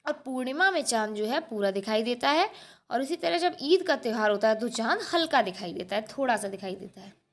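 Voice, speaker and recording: A woman teacher working through a schoolbook lesson, explaining step by step, repeating answers and asking the class rhetorical questions. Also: on the high side. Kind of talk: textbook lesson walkthrough.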